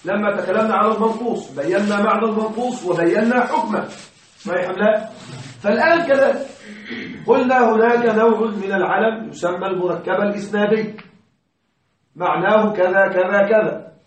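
In a classroom lecture, a man teaches grammar through worked examples and checks understanding with rhetorical questions. His voice is high-pitched and fairly quick. The room is very echoey, he is far from the mic, and there is a little hiss or hum.

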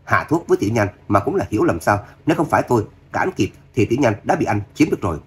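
A man's voice: mid-range voice, big pitch swings, rapid-fire, husky. A man voicing a fiercely loyal, hot-tempered young woman in an audiobook. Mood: furious. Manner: angry, panting.

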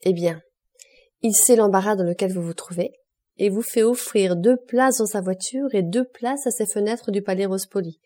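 A woman's voice: mid-range voice, normal speed, mellow, natural voice. A woman reading the lines of a smug, obliging Italian innkeeper in a storybook. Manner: self-satisfied, obliging. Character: Italian male innkeeper, smug and eager to please.

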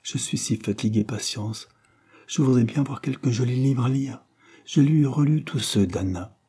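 A man's voice: mid-range voice, moderate pace, warm tone, breathy edge, pitched above the performer's own voice, close to an everyday voice. A man reading a novel aloud, voicing a tired, bedridden young girl who speaks wistfully in a raised voice. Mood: weary. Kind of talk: audiobook character voice.

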